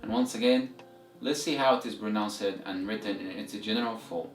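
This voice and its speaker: A man with a fairly low pitch speaks at a normal speed, giving a methodical, step-by-step language lesson and repeating examples for his learners. Music plays behind him, and the distant mic picks up a roomy echo.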